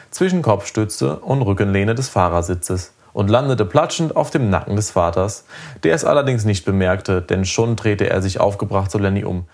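A man narrating a children's story aloud in a lively, expressive way. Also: on the low side. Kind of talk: audiobook storytelling.

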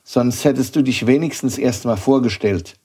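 A man reading an audiobook, voicing a gruff, grumpy old bookseller who growls and scolds as he questions a boy. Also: medium pitch, normal speed, warm tone, lightly acted.

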